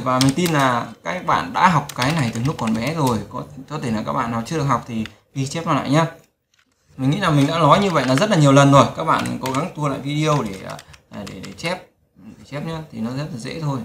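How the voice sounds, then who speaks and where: A man's voice: mid-range voice, fairly bright tone, a little hiss or hum. A man teaching a spoken language lesson, repeating phrases and reminding listeners to remember them. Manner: repetitive, drills phrases and keeps telling listeners to remember. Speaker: English teacher. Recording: roomy echo.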